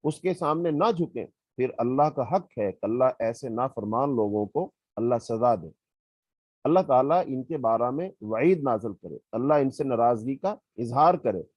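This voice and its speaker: A man with a Pakistani Urdu accent, teaching a religious lesson in a measured, explanatory way and reciting Arabic verses. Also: medium pitch, animated, darkish tone, slightly rough, no echo. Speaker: hadith teacher. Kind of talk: religious lecture.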